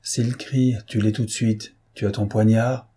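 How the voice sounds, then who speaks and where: A man voicing a cold criminal leader who gives curt, hushed orders in an audiobook. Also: lowish voice, level tone, measured pace, husky. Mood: menacing. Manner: curt, commanding, hushed menace. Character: cold male gang leader giving orders.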